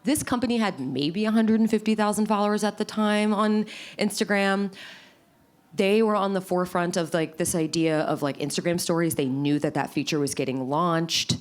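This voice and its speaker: A woman in her thirties telling stories in a casual interview, animated, acting out quotes, with many fillers. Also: on the low side, normal speed. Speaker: guest.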